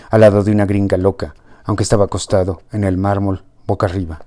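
A male narrator reads an audiobook with wry, even pacing. His voice is fairly low and dark, with a relaxed, mellow warmth.

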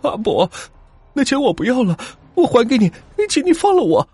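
A man's voice: very animated, very fast, dark tone, breathy edge, no room sound, heavily acted. A man doing a panicky, frightened young man. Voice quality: strained, high, panicky voice. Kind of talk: storytelling character voice.

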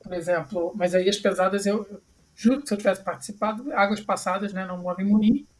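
A man's voice: high voice, fairly even intonation, fast talker. A man with a Brazilian Portuguese accent hosting a podcast, telling a workplace story in a slangy, dramatic way. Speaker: podcast host. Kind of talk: casual podcast chat.

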